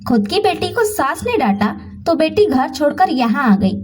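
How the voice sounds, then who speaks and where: A woman's voice: high voice, big pitch swings, normal speed, darkish tone, pitched above the performer's own voice. A woman voicing a sassy, fed-up young daughter-in-law who talks back, heard from a distant mic. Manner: sarcastic, talking back.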